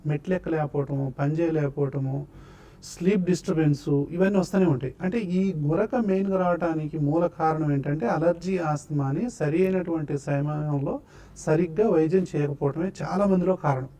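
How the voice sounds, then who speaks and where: On a televised health program, a doctor answers viewers' questions in a fairly high but dark-toned voice at normal speed. He patiently works through one cause and treatment after the next.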